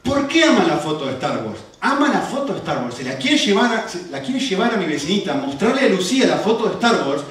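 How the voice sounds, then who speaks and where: A man's voice: high voice, a little fast, few pauses. A middle-aged man with an Argentine accent preaching a sermon, telling stories and firing off rhetorical questions. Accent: Argentine Spanish. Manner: animated storytelling with rhetorical questions. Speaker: pastor. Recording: echoey room, far from the mic.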